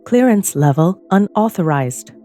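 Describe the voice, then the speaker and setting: A woman voicing a spirit turned cold and metallic, speaking in clipped, flat computer-like phrases. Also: on the low side, measured pace, soft background music.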